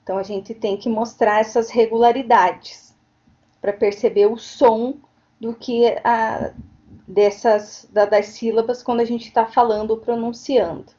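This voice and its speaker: Woman, teacher educator, online lecture, fairly high voice, explanatory, dull lo-fi sound. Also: little pitch movement, a little slow, warm tone. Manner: explanatory, frequent tag questions. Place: home, virtual meeting. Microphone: computer mic on a video call.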